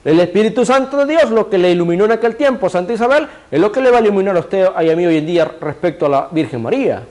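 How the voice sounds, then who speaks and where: Male preacher, high voice, sermon delivery, rhetorical questions answered himself, cues a reader to repeat verses. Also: lively intonation, fast talker, darkish tone. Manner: asks the congregation rhetorical questions and answers them; directs a reader to repeat scripture phrases.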